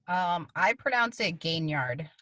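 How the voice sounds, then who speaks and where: A woman's voice: low-pitched, slow pace, a bit bright, dry recording, low-quality recording. A woman artist answering interview questions over a video call from her car, hesitant and full of likes and kind-ofs. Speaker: guest artist.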